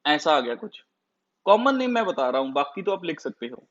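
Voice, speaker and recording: A man's voice: on the high side, big pitch swings, moderate pace, fairly bright tone. A man teaching a chemistry class, who often asks the students questions and then answers them himself. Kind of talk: classroom lecture. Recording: dull lo-fi sound.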